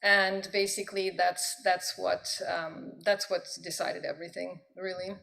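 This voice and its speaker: Middle-aged female guest, lowish voice, thoughtful answers with ums. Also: flat delivery, a little slow, creaky, fairly bright tone. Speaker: guest, professor and poet. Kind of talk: interview answers.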